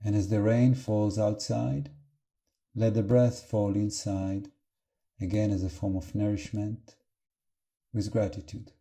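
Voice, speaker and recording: Calm and gentle, a male teacher leads a guided meditation without a script, his phrasing halting and his pauses long. His voice is on the lower side.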